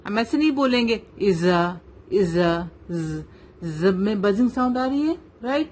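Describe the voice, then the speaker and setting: A woman with a Pakistani Urdu accent teaching tajweed in an online lesson, slowly modelling recitation and checking with the student. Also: on the high side, animated, a little mellow. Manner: slow, careful modelling of recitation, checks with "right?".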